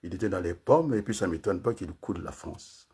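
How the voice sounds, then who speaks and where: A man's voice: sits low, expressive, fairly quick, darkish tone, slightly rough. An older man from Congo giving a rambling political talk, often tagging his points with questions to the room. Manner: rambling, frequent tag questions and fillers. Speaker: political commentator.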